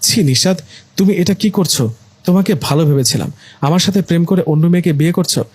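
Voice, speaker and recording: A man's voice: fairly high pitch, a little fast, darkish tone, husky. A man voicing an indignant jealous girlfriend. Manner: accusing, indignant. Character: young woman, jealous hurt girlfriend.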